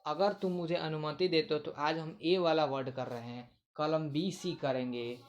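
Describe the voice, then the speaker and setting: A man's voice: a little high, steady tone, moderate pace. Male tutor, casual lesson, asks and answers his own questions. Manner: repetitive, asks questions then answers them. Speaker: vocabulary teacher. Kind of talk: casual Hindi vocabulary lesson.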